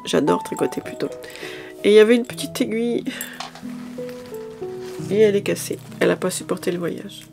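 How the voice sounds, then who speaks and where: A woman's voice: mid-range voice, brisk, gravelly, pauses often. Woman showing off her shopping haul, kinda tired, lots of ums and restarts, music under her voice. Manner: hesitant, many fillers and restarts. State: a little tired. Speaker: lifestyle vlogger. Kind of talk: casual haul video chat.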